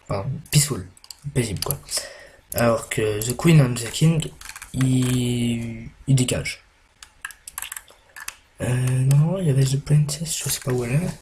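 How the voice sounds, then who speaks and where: Rambling young gamer, hesitant. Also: male voice, mid-range voice, darkish tone, slight background noise. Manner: rambling, hesitant, many fillers and restarts. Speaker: gaming YouTuber. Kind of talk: casual gameplay commentary.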